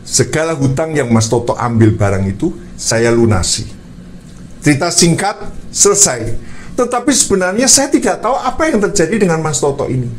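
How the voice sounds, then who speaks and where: A man preacher telling a personal story in a lively sermon, addressing the listeners as brothers. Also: fairly high pitch, moderate pace, a little hiss or hum.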